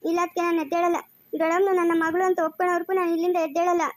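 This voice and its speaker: A woman's voice: extremely high pitch, flat delivery, racing, no room sound, clean studio sound. A woman voicing a young woman who keeps pleading and insisting to be accepted as a daughter. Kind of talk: amateur family drama acting.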